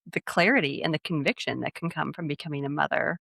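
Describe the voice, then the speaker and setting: Guest coach, woman, earnest and affirming, vocal fry, dry sound. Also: low-pitched, fast talker, a bit bright, no echo. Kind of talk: conversational interview.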